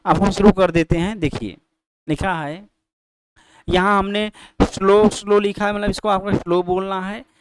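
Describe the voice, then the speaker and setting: A man teaching Sanskrit pronunciation in a slow, patient way, often checking with his students as he explains. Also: high-pitched, steady tone, clear, resonant tone. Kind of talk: explaining, then singing sutras to a film tune.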